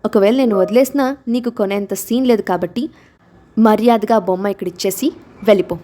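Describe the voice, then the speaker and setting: A woman's voice: medium pitch, fairly quick, dark tone, natural voice. A woman voicing a spoiled, arrogant rich little girl who taunts haughtily in a storybook reading.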